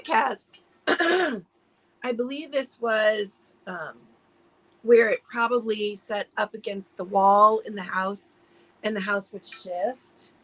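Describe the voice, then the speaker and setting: Hosting a vintage sale livestream, this American woman talks informally, welcomes viewers by name and describes the pieces. Allergies make her slightly hoarse, so she clears her throat from time to time. Her pitch is fairly high and the audio quality is poor.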